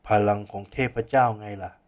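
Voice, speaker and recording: A man voicing a kindly, patient older teacher who explains things gently in an audiobook story. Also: normal speed, natural voice. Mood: explaining.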